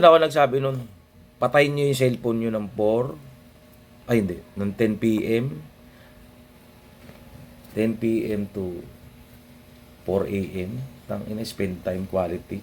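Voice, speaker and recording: A man's voice: fairly low pitch, a little mellow, a little hiss or hum. Blunt, profane man ranting casually. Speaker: vlogger.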